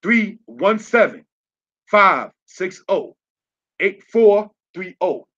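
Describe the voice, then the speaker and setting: His voice is high, animated and sharp, and he takes things slowly as he teaches religion through an online slide lesson. He spells each word letter by letter and checks in with "all right?", recorded on dull lo-fi audio.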